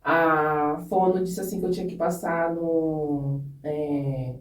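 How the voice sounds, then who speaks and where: A woman's voice: low-pitched, steady tone, slow, distant mic. A woman guest on a podcast telling her own story in an earnest, candid way, often restarting her sentences. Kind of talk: personal storytelling in a podcast interview. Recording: echoey room, voice off-mic.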